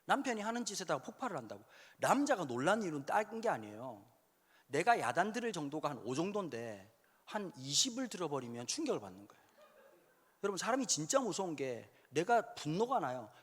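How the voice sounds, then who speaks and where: Animated high-voiced preacher in a hall. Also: male voice, husky. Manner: animated, jokey preaching with sudden shouted acted quotes. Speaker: pastor. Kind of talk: sermon. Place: large church hall. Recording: echoey hall sound.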